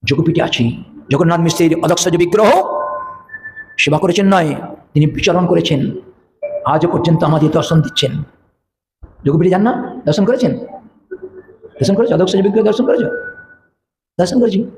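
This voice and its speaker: A male preacher telling devotional stories in an animated way, acting out voices with frequent affirming fillers, recorded in an echoey room with faint noise. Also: high voice, a little fast, long pauses. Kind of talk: devotional storytelling sermon.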